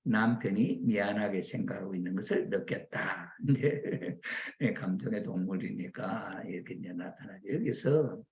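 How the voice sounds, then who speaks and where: A man preaching to his congregation, often acting out lively family dialogue as examples. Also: fairly low pitch, moderate pace, creaky, highs cut off. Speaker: church minister. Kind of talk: sermon commenting on members' reports.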